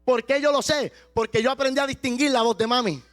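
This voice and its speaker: A man preaches with a very high voice, slowing his words and raising them to a shout to drive points home. Faint music plays under his sermon. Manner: impassioned preaching, slows and shouts for emphasis. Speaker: pastor.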